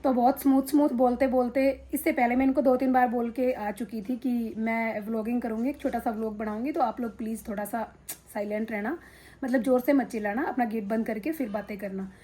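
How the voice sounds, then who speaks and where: A middle-aged woman speaks candidly into a phone she holds in her home drawing room, vlogging in a rambling way with frequent fillers. Her voice is a little high and dark, steady and a bit fast, captured in a rough recording.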